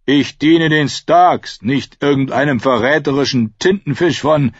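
Ein Mann liest einen trotzigen, kräftigen Schmied, der wütend aufbegehrt, in einer Hörbuchlesung. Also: male voice, fairly high pitch, measured pace, breathy edge, dry recording, lo-fi sound, pitched above the performer's own voice. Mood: defiant, shouting. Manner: defiant, shouting. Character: defiant burly male blacksmith. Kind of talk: audiobook reading.

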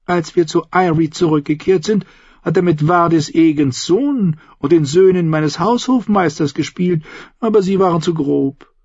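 A man voicing a shrill, imperious middle-aged noblewoman who scolds in a high, vehement voice. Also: moderate pace, a little mellow, breathy edge, dry recording, dull audio. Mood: scheming.

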